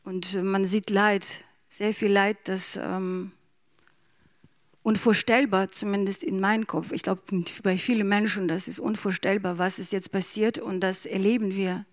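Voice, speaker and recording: Woman talking real slow and soft, lots of ums, dry close sound. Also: mid-range voice, level tone, no echo. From Ukraine. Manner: hesitant, many fillers, soft-spoken. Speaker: interview guest. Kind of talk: slow emotional reading and halting answers.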